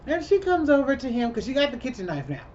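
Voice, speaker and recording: A woman's voice: high-pitched, big pitch swings, fast, a little mellow. A woman casually recapping a movie for her channel, chatty and rambling, who keeps breaking in with her own reactions. The recording is a little muffled, with a faint hum underneath. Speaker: vlogger.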